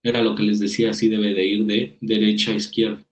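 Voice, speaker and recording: A man with a fairly low voice and a Mexican Spanish accent gives a spoken lesson on spelling rules. He reads definitions out, then explains them with worked examples in a steady teaching manner, often restarting a phrase as he goes. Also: a little fast, rough recording. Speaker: writing workshop instructor. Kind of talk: spoken lecture over slides.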